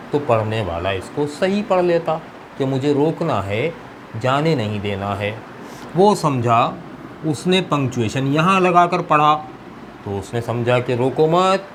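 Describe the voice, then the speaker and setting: A male English teacher giving a lesson, explaining slowly and deliberately and mixing Hindi-Urdu with English terms. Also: medium pitch, a little hiss or hum.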